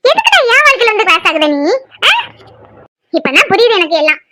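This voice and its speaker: A woman's voice: very high voice, wildly swooping pitch, brisk, bright, forceful tone, a little hiss or hum, heavily acted. A woman voicing a frightened young wife in a cartoon, pleading and scolding by turns. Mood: angry. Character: frightened young wife, tearful and sharp-tongued. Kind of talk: cartoon voice acting.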